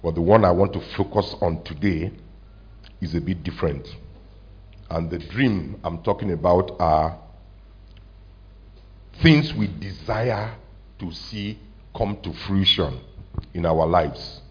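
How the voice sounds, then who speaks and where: A pastor with a deep, low voice gives a conversational sermon, asking the congregation questions and slowing down so key points sink in. The recording was made in a church hall and sounds muffled and slightly lo-fi.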